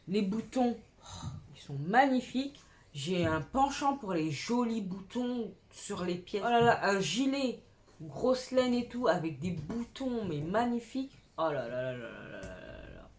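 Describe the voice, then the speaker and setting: A woman's voice: medium pitch, darkish tone. A young woman chatting casually and enthusiastically while showing off clothes she bought secondhand, dropping slang as she goes. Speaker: fashion vlogger. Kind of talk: casual clothing haul chat.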